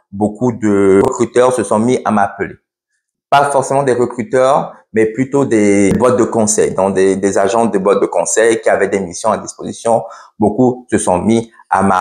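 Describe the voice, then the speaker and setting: A man with a lowish voice vlogging in a blunt, matter-of-fact way, often restarting his sentences. His voice echoes noticeably around the room he records in. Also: a little mellow. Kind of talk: casual explainer vlog.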